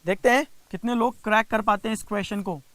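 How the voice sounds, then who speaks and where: A young Indian man teaching reasoning in a live online class, mixing Hindi with English, coaxing and teasing students by name and slowing down to spell out each step. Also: sits high, fairly bright tone, dry recording. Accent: Indian English mixed with Hindi. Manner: coaxing and teasing, reads out student names, slows down to spell out steps. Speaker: reasoning teacher for bank exams.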